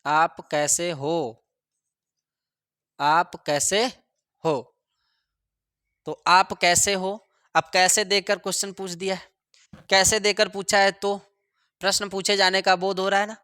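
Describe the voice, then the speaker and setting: A male teacher giving a grammar lesson, repeating each example sentence slowly for students to copy. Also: high voice, level tone, bright, forceful tone, clean tone, no echo, clean studio sound. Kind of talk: classroom lesson.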